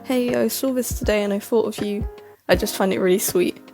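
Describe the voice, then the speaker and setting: Woman caller, fry-heavy higher voice, sincere, faint music behind. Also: brisk, a little mellow. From Essex, England.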